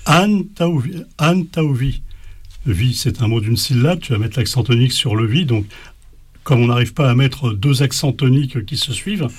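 A man's voice: medium pitch, moderate pace, husky. A man teaching an informal spoken language lesson, hesitant, with many fillers and restarts.

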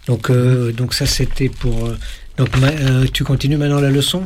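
A man's voice: mid-range voice, steady tone, normal speed, slight background noise. A man co-hosting a spoken lesson, chatting casually with many halts and restarts. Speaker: co-host. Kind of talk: casual chat.

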